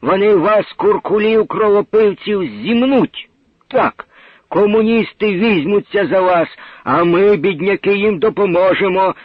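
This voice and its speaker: A man voicing a defiant poor peasant man who declaims slowly and forcefully in a quarrel. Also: high-pitched, dry recording, muffled recording, voice pushed up.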